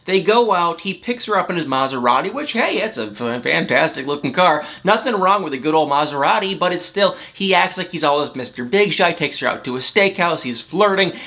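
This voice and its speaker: A man's voice: on the high side, animated, brisk, hardly any pauses, bright, forceful tone. A man hosting a casual, opinionated recap, chatty and given to repeating words for emphasis. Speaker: host of a reality TV recap.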